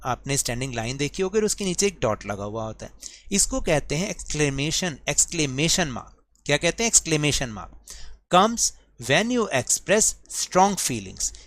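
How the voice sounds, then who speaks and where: A man's voice: on the high side, fairly bright tone. Male teacher explaining a worksheet. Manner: explains patiently, repeats and asks students questions; reads English lines slowly and deliberately.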